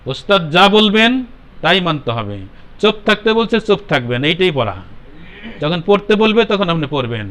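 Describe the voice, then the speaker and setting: A man's voice: sits high, very animated, normal speed, fairly bright tone. A man with a Bangladeshi Bengali accent, a Quran recitation teacher patiently drilling a class of children on letter sounds and calling on pupils by name. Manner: patient, repetitive, calls on pupils by name and corrects them.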